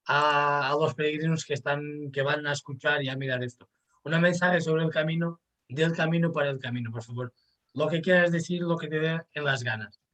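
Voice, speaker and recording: A man's voice: a little high, fairly bright tone. A man hosting an interview, asking questions with enthusiasm. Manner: enthusiastic, laughs often. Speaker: interviewer host.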